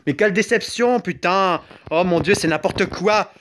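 A young man, Italian by first language, talks over his mobile gameplay in a high, light voice. He rambles, jokes and breaks into sudden excited yelps between quick asides. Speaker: gaming YouTuber. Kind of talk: joking gameplay commentary.

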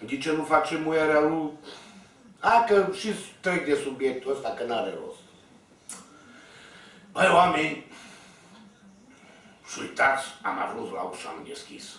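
A man's voice: mid-range voice, fairly bright tone, heavy reverb, far from the mic. A man telling a personal story in a blunt, colloquial way, talking straight to his listeners. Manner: coarse, blunt, colloquial, addressing listeners directly. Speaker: storyteller vlogger. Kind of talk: rambling spoken storytelling.

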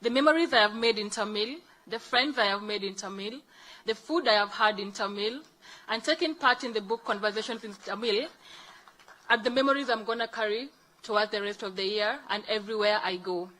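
A woman's voice: mid-range voice, fairly quick, bright, forceful tone, slight background noise, low-quality recording. A woman with a Kenyan accent gives a formal thank-you speech as a guest, with emphatic, repeated phrasing. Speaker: guest speaker, book fair fellow.

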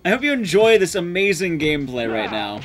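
A young speedrun streamer gives casual live commentary on his game in a fairly high voice with big pitch swings, talking briskly. He's self-deprecating and swears casually, with game music playing in his small indoor streaming room.

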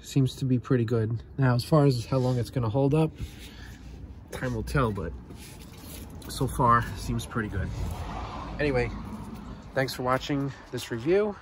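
A man casually reviewing a tool outdoors on his driveway, talking in a relaxed, plainspoken way with fillers while he films with a phone. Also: medium pitch, a little slow, long pauses, noisy background. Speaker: channel host reviewing a tool. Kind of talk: casual product review vlog.

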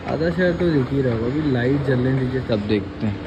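Young man, from Prayagraj, casual travel vlog, phone selfie mic, loud street noise. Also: mid-range voice, animated, fairly quick, muffled recording. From Prayagraj, India. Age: young adult. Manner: chatty, addresses viewers as guys and brother. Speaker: vlogger. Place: train station, taxi, hotel room, city streets. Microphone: phone selfie at arm's length.

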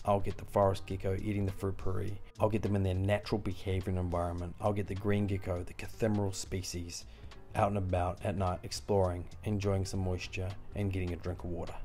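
A man's voice: low-pitched, flat delivery, fairly quick, dark tone, faint music behind. A young man narrating a wildlife vlog as an enthusiastic gecko keeper, emphatic, playful and given to repeating himself.

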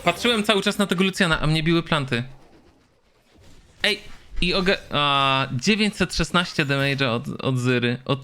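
A man's voice: a little high, normal speed, bright, forceful tone, a little hiss or hum. A man from Poland giving casual, chatty commentary as he streams a game, swearing freely and reacting on the fly.

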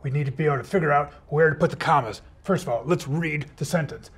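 Husky man as a playful comma superhero. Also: a little high, fast talker. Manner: playful, upbeat superhero persona. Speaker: teacher playing a comma superhero. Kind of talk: educational video for kids.

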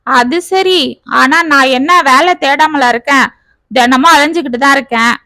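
A woman putting on a jobless young graduate from a storybook, defensive and pleading. The voice stays bright and high, recorded dry and close. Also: normal speed, no echo. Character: idle young man, educated and jobless, defensive. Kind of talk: storybook reading.

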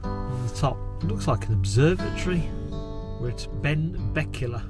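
A man's voice: fairly high pitch, expressive, moderate pace, over music. Chatty man narrating a travel vlog. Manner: chatty, pointing out sights. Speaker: vlogger. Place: outdoors on a windy hilltop and inside a camper van.

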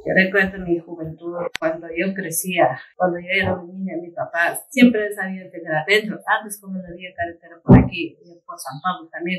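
A woman, a community leader and chef, telling a personal story in an interview in a halting way, repeating words and restarting often. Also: lowish voice, a bit bright. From Ecuadorian Amazon. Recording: voice picked up from a distance.

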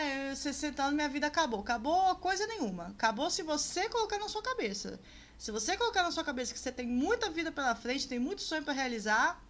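A woman's voice: sits high, a bit bright. A woman vlogger chatting casually and gushing about show contestants, with many asides to her viewers. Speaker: vlogger commenting on a TV cooking show. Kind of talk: casual chat.

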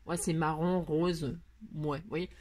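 A woman's voice: deep voice, flat delivery, takes it slowly. A woman hosting a card-making tutorial, chatting casually and rambling, talking straight to viewers with lots of self-mocking asides. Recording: noisy home recording.

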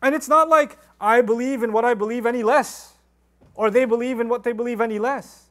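A middle-aged man giving a Quran commentary lecture, animated and posing rhetorical questions to his listeners. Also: extremely high pitch, brisk. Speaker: Quran teacher.

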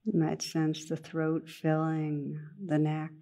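Guiding a meditation as a teacher, a woman speaks in a low, monotone voice. She is gentle and unhurried, leaving long pauses between each phrase.

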